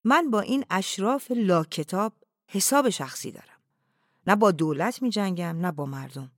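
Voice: medium pitch, lively intonation, fairly bright tone, no echo, clean studio sound, voice pushed up, close to an everyday voice. A reader voicing a proud outlaw chief who declaims his stance with raised energy. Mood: defiant.

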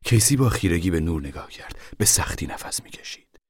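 Low, husky male narrator. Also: lively intonation, darkish tone, no echo, clean studio sound. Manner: measured, dropping to a whisper in tense passages. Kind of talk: audiobook narration.

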